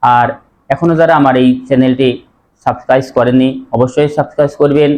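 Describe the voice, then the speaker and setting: A man teaching a pronunciation lesson, repeating each word slowly and putting questions to his students. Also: mid-range voice, flat delivery, darkish tone.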